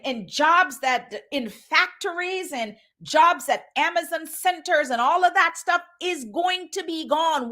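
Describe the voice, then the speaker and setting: A woman's voice: high-pitched, fairly bright tone. A woman in her fifties giving an urgent motivational sermon as a minister, repeating phrases for emphasis. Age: 50s.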